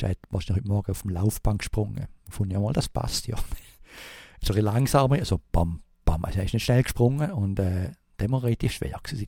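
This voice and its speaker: A man with a Swiss German accent telling a rambling anecdote in a casual way, halting often with fillers and restarts and imitating thumping sounds. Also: fairly low pitch, gravelly, warm tone, breathy edge, no echo, studio quality. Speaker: storyteller.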